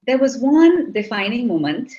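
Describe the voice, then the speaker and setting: Speaking at a moderate pace, the middle-aged interviewee from Trinidad and Tobago has a fairly high, very animated, slightly mellow voice. Her conversation is reflective, with many restarts, captured on slightly muffled audio.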